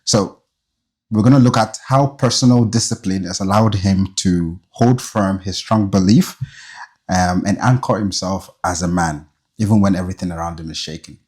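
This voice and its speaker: A man's voice: low-pitched, normal speed, a little mellow. A man hosting an interview podcast. He talks in an earnest, encouraging way and answers often with a short "okay". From Nigeria. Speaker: host.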